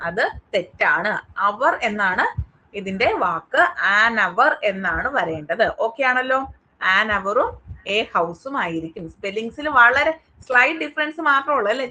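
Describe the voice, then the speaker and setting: In a low-quality recording, a woman with a Malayali accent teaches an online English class, her fairly high voice pushed and bright. She fires question after question at her students, quizzing them to make sure they follow.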